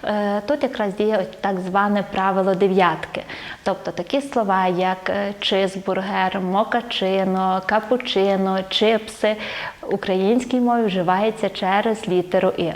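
A woman's voice: mid-range voice, normal speed. A woman who teaches language and literature, speaking as an interview guest. She explains things step by step, with many filler sounds and light laughs between phrases.

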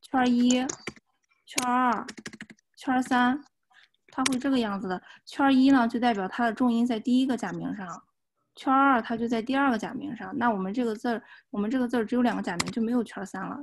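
A woman's voice: on the high side, fast. A woman teaching a beginners' language class over a video call, explaining patiently step by step. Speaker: Japanese teacher. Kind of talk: online class instruction.

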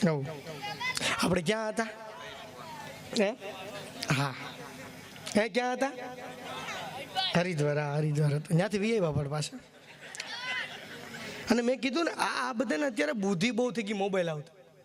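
High-voiced comedian. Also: male voice, animated, normal speed, creaky, long pauses. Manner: chatty, teasing the crowd, asks "samjya?". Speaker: stage comedian. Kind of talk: live folk comedy storytelling.

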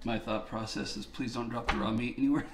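A man in his thirties giving short, dry answers and deadpan jokes while cooking. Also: medium pitch, quick pace, creaky, background noise. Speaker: cook. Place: backyard patio at night.

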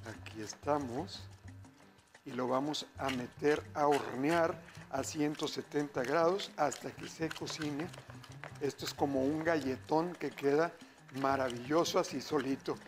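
With music in the background, a middle-aged man hosts a TV cooking show from a studio kitchen, talking to viewers as he cooks. He's upbeat and chatty and keeps saying "familia." His voice is mid-range and his pace measured.

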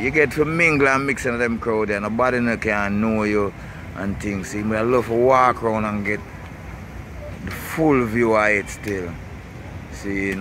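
A fairly low-pitched man with a Jamaican accent, talking in Rasta speech, vlogs a loose, repetitive walking tour through a city park bordered by busy streets. He keeps tossing in tags like "see," "you know," and "blessed love." The handheld camera audio is noisy, with traffic all around.

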